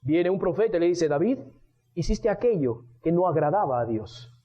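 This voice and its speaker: A man preaching a sermon, telling the story in an animated way and acting out scenes. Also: fairly high pitch, moderate pace. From Venezuela. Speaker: pastor. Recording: dull radio broadcast recording.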